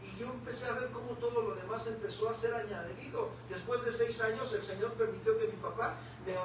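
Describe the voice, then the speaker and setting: Mexican pastor, fervent sermon delivery, high voice, heard from afar in a reverberant hall with room noise. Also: male voice. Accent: Mexican Spanish. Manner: emphatic preaching with rhetorical questions to the congregation. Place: church hall. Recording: echoey hall, distant mic, audible room noise.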